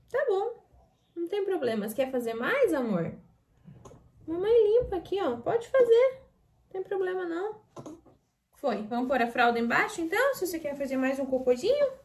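A woman's voice: sits high, darkish tone. A young woman talking singsong baby talk to her newborn daughter, soothing and repeating words while changing her. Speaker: mother and vlogger.

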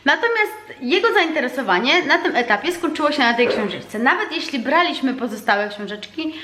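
Patient mother teaching reading at home. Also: high voice. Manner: calm, patient, explanatory, with frequent hesitations. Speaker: parent teaching her child to read. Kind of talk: home reading lesson vlog. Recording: echoey room with faint noise.

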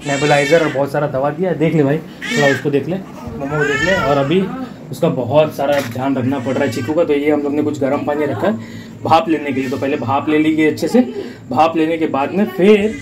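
A man's voice: a little high, a little fast, background noise. A man with a Bengali accent, vlogging casually at home and soothing a pet with repeated coaxing words, recorded on a handheld camera. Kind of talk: casual home vlog narration. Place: home indoors.

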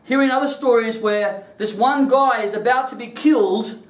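Man, preacher, high voice, animated storytelling, echoey room, set back from the mic. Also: moderate pace, far from the mic. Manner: animated storytelling, laughs through his stories. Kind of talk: sermon with personal testimony.

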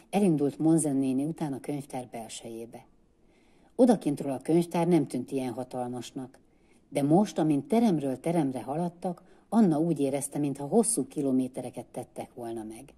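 A woman reading a children's book aloud in a measured, expressive way, as a librarian. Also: extremely low pitch, slightly rough. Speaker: librarian reader.

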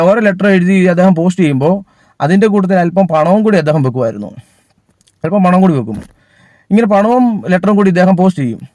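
A man preaches in a high, lifted voice, recorded close and dry with no room sound. He stops often, fills gaps and restarts his sentences as he works through his point. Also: darkish tone, no room sound. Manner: halting, many fillers and restarts. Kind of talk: sermon.

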